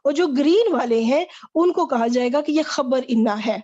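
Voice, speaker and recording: A woman's voice: high-pitched, lively intonation, mellow, highs cut off. A woman teaching an online Arabic grammar lesson, quizzing a student and explaining patiently.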